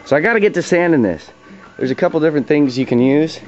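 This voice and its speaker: In a hands-on DIY auto body tutorial, a plain-spoken man explains the repair informally with plenty of slang. His fairly high voice is expressive and quick. The lo-fi recording sounds dull, with a radio playing music in the background.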